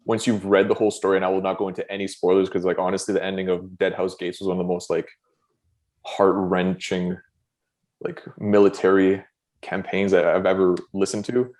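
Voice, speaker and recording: A man's voice: sits low, little pitch movement, a little fast, a little mellow. A man co-hosting a podcast, talking eagerly in casual chat with many fillers and acted-out reactions. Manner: enthusiastic, filler-heavy, acts out reactions. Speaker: podcast co-host.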